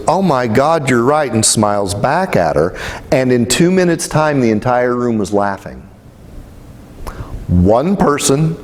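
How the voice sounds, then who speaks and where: Blunt guy doing a motivational talk, casual storyteller vibe, hall echo. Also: mid-range voice. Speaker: spiritual speaker.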